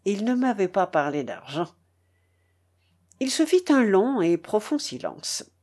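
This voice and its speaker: A woman reading a classic novel aloud in expressive, scripted narration. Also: mid-range voice, a little slow. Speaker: audiobook narrator.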